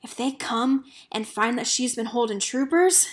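A woman's voice: a little high, a little slow, natural voice. A woman voicing an earnest, protective teenage soldier boy from a storybook, with urgent, folksy rural speech. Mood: urgent, concerned.

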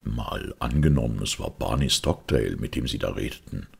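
A man voicing a calm, cutting male detective who speaks slowly and in a low, menacing tone. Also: gravelly, slightly rough, full character voice. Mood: coolly menacing.

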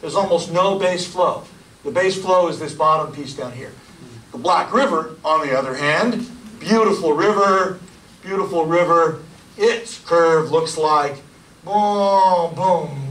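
A man in his forties giving a loud, energetic public science lecture to a room of listeners. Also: on the high side, measured pace. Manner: loud, energetic, gestures and points at slides. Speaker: county hydrogeologist giving a public talk. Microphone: lapel mic, filmed from the room. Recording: echoey room, voice from far off.

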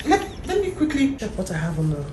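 A woman's voice: mid-range voice, wildly swooping pitch, fast talker, reverberant, far from the mic, heavy background noise. A woman with a Nigerian accent playing a bossy, stern mother and lady of the house in a comedy skit. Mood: dismissive. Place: living room indoors.

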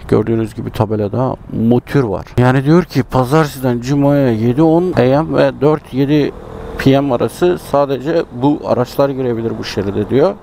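Gravelly man musing while riding. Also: medium pitch, a little mellow. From Turkey. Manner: chatty, musing, talks to himself about the road. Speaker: motovlogger. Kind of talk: casual riding commentary. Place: riding a motorbike through city traffic outdoors. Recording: faint road and engine noise.

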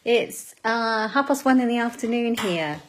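A woman's voice: on the high side, expressive, measured pace, poor audio. A woman giving a live craft demonstration, chatting with viewers as she works and laughing at her own fumbles. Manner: chatty, greets viewers by name.

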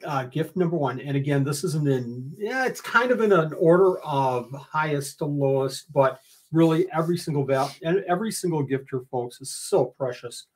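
An older man with a husky voice, hosting a casual livestream giveaway, chatting and joking as he reads out a list of gifts. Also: on the high side, animated, normal speed, a little mellow, low-quality recording. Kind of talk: casual giveaway announcement, reading out gift list. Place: indoor room, livestream.

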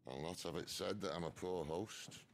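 Raspy, gravelly rebel leader. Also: male voice, low voice, slight background noise. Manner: dry, measured, knowing. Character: gruff, wry middle-aged male rebel leader. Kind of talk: video game voice acting.

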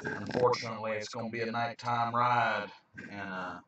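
A man's voice: on the low side, fairly even intonation, moderate pace, sharp tone. Storm chaser guy talking thru radar for viewers, kinda far from the mic, dull sound. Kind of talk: explaining weather radar to viewers. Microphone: handheld camera, away from the mouth. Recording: roomy, dull, distant handheld camera mic.

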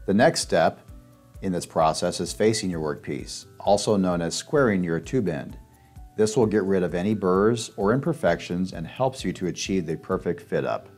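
A man giving steady, step-by-step scripted narration over a demonstration video. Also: deep voice, moderate pace, faint music behind. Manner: steady instructional step-by-step delivery.

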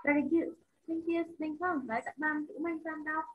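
A woman teacher with a Vietnamese accent running an online English vocabulary drill. She models each word slowly, repeats it and coaxes her pupils to say it back, on a video call. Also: high-pitched, fairly even intonation, phone-quality sound.

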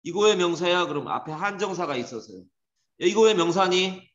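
A man teaching an English grammar lesson to a class, lively and teasing, scolding students. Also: high-pitched, moderate pace. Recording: dull echoey classroom recording.

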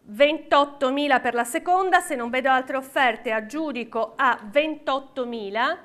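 Female auctioneer, middle-aged, very high voice, repetitive bid-calling and countdowns at a live auction. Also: unhurried, fairly bright tone. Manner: auctioneer's chant, repeating bids and counting down. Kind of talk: live auctioneering of classic cars. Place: large auction hall with seated audience.

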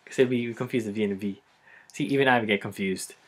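A man's voice: lowish voice, fast. A young man with a Filipino accent talking casually in a comedic vlog, rambling with many fillers. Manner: chatty, rambling, lots of likes and ums. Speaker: vlogger.

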